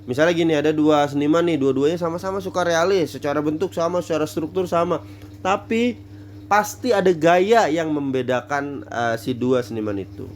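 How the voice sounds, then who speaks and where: A man's voice: fairly high pitch, fairly quick, a little hiss or hum. A man giving a casual theater lecture, thinking aloud with many fillers and restarts.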